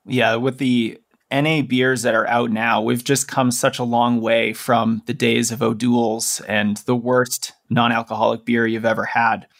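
A man in his late thirties hosting a podcast, chatting in a relaxed, joking way with frequent fillers. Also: mid-range voice, unhurried, gravelly, few pauses, no room sound, clean studio sound. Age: 30s. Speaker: podcast host. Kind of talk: casual podcast chat.

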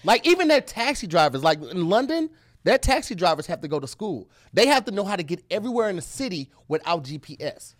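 A man's voice: sits high, big pitch swings, quick pace. An American man chatting casually, slangy and emphatic. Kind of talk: casual chat.

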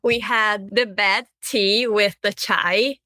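A woman co-presents a live awards ceremony informally and with enthusiasm. She takes her time, and her bright voice is recorded dry, with no room sound. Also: medium pitch, steady tone, takes it slowly, no room sound.

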